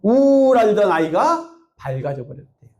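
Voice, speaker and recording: A man's voice: high voice, sing-song, normal speed, darkish tone, dull audio. A male pastor preaching a Sunday sermon, telling a story and asking the congregation questions. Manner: asks the congregation questions and acts out quotes. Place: church sanctuary. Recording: echoey church sound.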